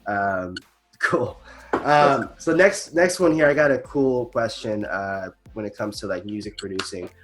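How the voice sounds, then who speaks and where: A man's voice: lowish voice, measured pace. A man hosting a casual interview, friendly and chatty, telling stories with frequent fillers. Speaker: interviewer host. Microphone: livestream call.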